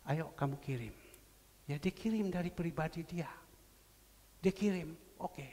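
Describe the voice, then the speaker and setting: A male pastor preaching a sermon, telling stories with big swings from loud cries to hushed whispers. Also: a little high, measured pace, long reverb tail. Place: church sanctuary.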